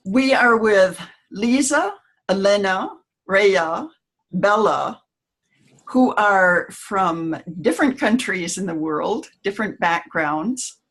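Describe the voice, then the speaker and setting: A woman hosting an online panel discussion, introducing guests in a measured way. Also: mid-range voice, animated, fairly bright tone. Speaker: panel host.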